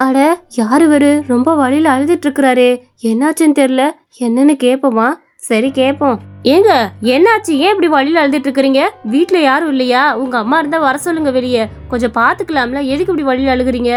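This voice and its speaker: A woman voicing a kind, caring young village woman in a cartoon story, who talks earnestly and gently. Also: high-pitched, fairly quick, soft background music, lightly acted. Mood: concerned.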